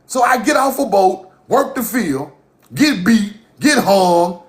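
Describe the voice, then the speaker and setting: A man from Mississippi hosts a livestream, slowly working through a heated, profane monologue in a high voice, with bursts of laughter in the animated rant. The space sounds reverberant.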